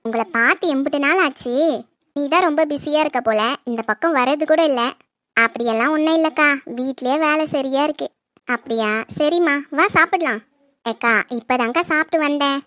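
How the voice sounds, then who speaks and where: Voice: sits high, sharp tone, dry recording. A creator acting family members in homely, chatty scenes of a comedy skit.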